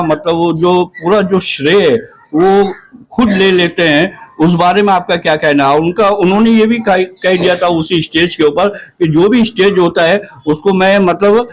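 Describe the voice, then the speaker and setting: A male interviewer who asks long questions and keeps listening with steady hums. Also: high voice, rough recording.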